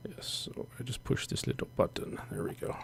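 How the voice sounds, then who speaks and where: A man's voice: brisk, a little hiss or hum. A man co-hosting a podcast, chatting casually in a laid-back, easygoing way. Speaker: podcast co-host. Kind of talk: casual chat.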